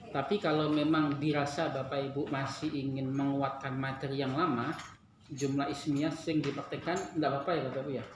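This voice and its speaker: A man's voice: mid-range voice, flat delivery, brisk. A man teaching an Arabic grammar class, patient, often laughing and repeating key terms. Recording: very echoey room with noise.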